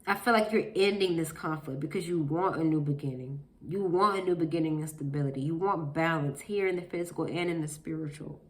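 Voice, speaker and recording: A woman with a stuffy nose from a cold, giving an emphatic, preachy tarot reading straight to her viewers. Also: lowish voice. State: congested from a cold, sniffling. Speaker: tarot reader.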